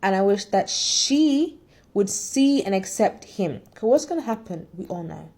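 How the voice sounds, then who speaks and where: A woman's voice: medium pitch, big pitch swings, a little slow, a little mellow. A woman in casual chat, reviewing a drama in a candid, opinionated and rambling way.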